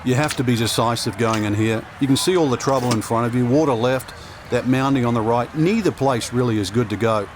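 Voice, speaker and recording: A man's voice: mid-range voice, a little fast. Male golf analyst, noisy outdoor backdrop. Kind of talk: explanatory golf commentary.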